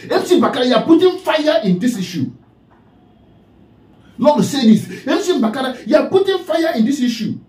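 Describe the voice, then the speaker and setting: A man's voice: extremely high pitch, big pitch swings, normal speed, darkish tone, reverberant, poor audio. A man with a Nigerian accent delivering a preachy, scolding commentary, repeatedly calling out the person he addresses. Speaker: online commentator.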